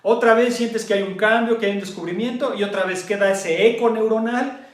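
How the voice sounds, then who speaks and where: A man with a Mexican Spanish accent and a fairly high voice gives a meditation talk, heard in an echoey room. He repeats each phrase and fades it to a near hush. When he acts out an anxious mind he speeds up and climbs higher. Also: steady tone, brisk. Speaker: meditation teacher.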